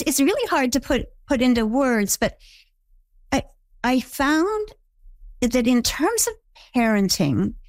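An older woman from Canada, a TV show creator, answers interview questions in a reflective way, stumbling and restarting as she thinks. Her middle-pitched voice is recorded dry and close. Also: no room sound.

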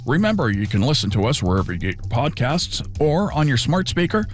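A man's voice: medium pitch, sing-song, fairly quick, faint music behind. A man reading scripted radio news as the anchor.

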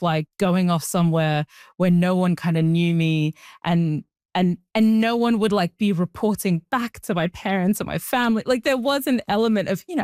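A young woman, telling her story as an interview guest, animated and full of fillers. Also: mid-range voice, no echo, studio quality. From Sudan. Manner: animated, with frequent "like" and "you know" fillers. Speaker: guest, engineer and writer. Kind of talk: interview conversation.

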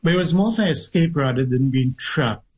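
A middle-aged man from Trinidad with a Trinidadian accent, a guest author telling stories from his childhood in a measured, thoughtful way, with pauses and restarts. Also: mid-range voice, animated, husky, rough recording. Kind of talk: reflective interview storytelling.

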